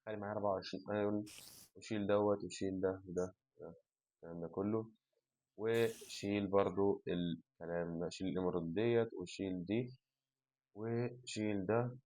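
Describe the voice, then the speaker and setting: Young Egyptian man, let's play commentary, quick delivery, somewhat low voice, thinking aloud, chatting to viewers. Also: fairly even intonation, darkish tone. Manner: chatty, addresses viewers as a group; thinks aloud while sorting inventory. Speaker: gaming channel host.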